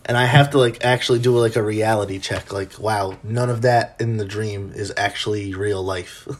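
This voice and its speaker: A man's voice: on the low side, steady tone, moderate pace. A man hosting a podcast in casual chat, chatty with many fillers, laughing easily. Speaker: podcast host.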